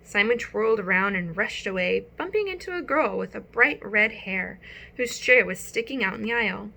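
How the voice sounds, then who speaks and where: A woman narrating a children's audiobook with expressive storytelling. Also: medium pitch, normal speed, creaky.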